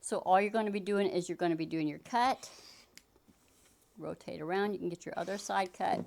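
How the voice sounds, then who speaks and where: A woman's voice: lowish voice, brisk, vocal fry, darkish tone. A woman giving a casual sewing tutorial, chatting through each step as she works with fabric. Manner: chatty, talks while working, frequent restarts. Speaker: sewing instructor. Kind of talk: casual how-to demonstration.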